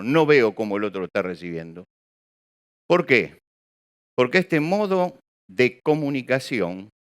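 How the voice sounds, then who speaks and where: A man's voice: mid-range voice, fairly bright tone, smooth. A male pastor preaching to a live congregation, asking rhetorical questions and acting out small examples. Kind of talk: sermon. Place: church or hall with an audience.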